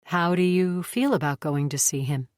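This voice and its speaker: Narrator lady as a steady therapist woman, even tone, probing questions, low voice, dry. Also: moderate pace, no room sound, lightly acted. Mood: calm. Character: calm even-toned female therapist.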